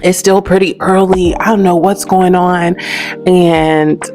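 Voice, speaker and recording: Chatty low-voiced woman telling a story. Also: slow pace. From United States, raised in Alabama. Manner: animated, chatty, laughs between lines, big pitch jumps. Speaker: host. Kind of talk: casual direct-to-camera storytelling.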